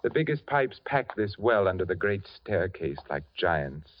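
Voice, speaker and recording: Silky, sinister gentleman killer. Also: low-pitched, sing-song, a little hiss or hum. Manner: silky, measured, quietly sinister. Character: suave, menacing middle-aged man, a murderous organist. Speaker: radio drama actor. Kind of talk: 1940s radio acting. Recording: dull old 1940s radio recording.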